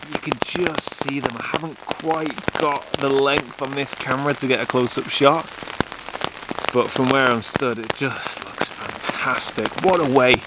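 A man in his thirties, a landscape photographer, chatting eagerly to a handheld camera outdoors in a rain forest. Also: medium pitch. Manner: enthusiastic, chatty, excitable. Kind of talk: casual vlog to camera. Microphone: camera mic, handheld close. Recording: heavy rain noise on the mic. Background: steady rain falling.

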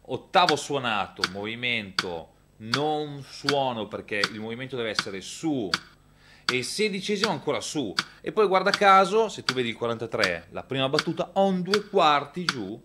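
A man's voice: medium pitch, very animated, normal speed, heavy background noise. A man in his thirties, a guitar teacher, talks casually through a lesson, counting beats and singing rhythms aloud. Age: 30s. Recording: loud guitar playing behind the voice. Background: electric guitar.

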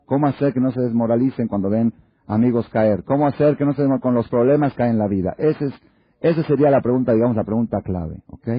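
A man with a husky voice delivers a religious lecture and presses his listeners with one rhetorical question after another. He often slips into short acted-out exchanges to illustrate his points. The recording is dull and lo-fi. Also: mid-range voice, fast, no echo. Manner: asks many rhetorical questions; acts out little dialogues. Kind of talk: Torah lecture to an audience.

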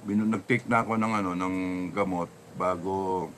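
A man telling a long personal story in a casual, rambling, halting way, full of restarts. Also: low voice, steady tone, a bit bright, a little hiss or hum.

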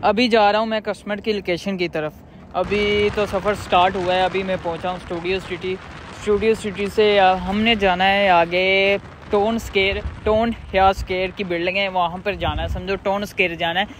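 A man's voice: sits high, level tone, normal speed, a bit bright, a little hiss or hum, poor audio. A man vlogging as a food delivery rider, chatting casually and repetitively while riding outdoors on a night road. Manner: repetitive, chatty, explains steps plainly.

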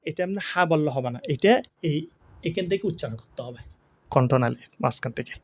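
A man teaching the pronunciation of Arabic letters for Quran reading. He asks questions and answers them himself, and he draws each letter sound out slowly. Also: on the high side, expressive, dry recording. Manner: slow, drawn-out letter sounds.

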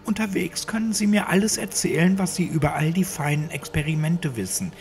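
A woman's voice: fairly low pitch, brisk, darkish tone, faint music behind, voice pushed up, close to an everyday voice. A man voicing a cold, cynical young woman with an icy, mocking voice in a German horror audio drama. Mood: menacing.

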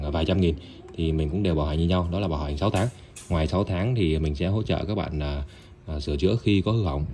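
His voice is low and dark, with slight background noise around it. He's an online seller doing a casual sales showcase of used Japanese rice cookers, set out on the floor of an indoor tiled room, speaking directly to viewers and frequently repeating himself.

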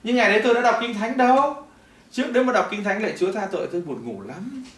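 A middle-aged man giving a testimony sermon in a church hall, telling his story in an animated way that swings between loud bursts and hushed moments. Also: very high voice, quick pace. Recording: echoey hall, mic at a distance.

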